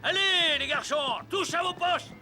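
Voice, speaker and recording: A man voicing a brisk ship's captain who gives orders to his crew in a cartoon dub. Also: high-pitched, expressive, gravelly, sharp tone, soft background music, heavily acted. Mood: commanding. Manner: commanding, brisk. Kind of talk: cartoon dubbing.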